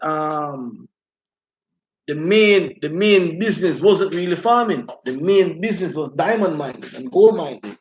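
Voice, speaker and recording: High-pitched man, rasta-style talk. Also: dull audio, slight background noise. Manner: repeatedly checks listeners follow. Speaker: host of a live talk stream. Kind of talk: informal live commentary, reading out viewer comments.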